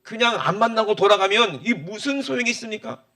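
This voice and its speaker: A pastor delivers an emphatic sermon in a high, bright voice. His pitch swings widely from phrase to phrase, and he keeps asking the congregation for an amen. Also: animated, brisk. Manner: emphatic preaching, often asks the congregation for an amen.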